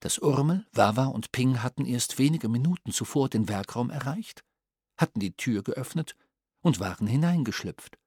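A man reading a children's storybook aloud in an expressive, playful manner. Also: mid-range voice, moderate pace, slightly rough, no room sound, clean studio sound. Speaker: audiobook narrator. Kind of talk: storybook narration.

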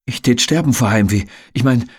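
A man with a husky voice voicing a timid, frightened young woman, in an audiobook. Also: medium pitch, normal speed, dry recording, clean studio sound, voice pushed up, natural voice. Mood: anxious. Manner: hesitant, anxious.

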